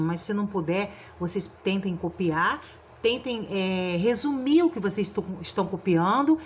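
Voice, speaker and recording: Brazilian Portuguese woman teacher, mid-range voice, patient remote lesson, faint hiss behind. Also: mid-range voice. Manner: explains slowly, checking in with "né?" and "tá?". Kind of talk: recorded remote grammar lesson.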